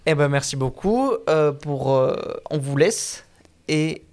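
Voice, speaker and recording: A man co-hosting a casual radio chat, mostly reacting with short quick interjections. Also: fairly high pitch, expressive, a little mellow. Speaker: radio co-host.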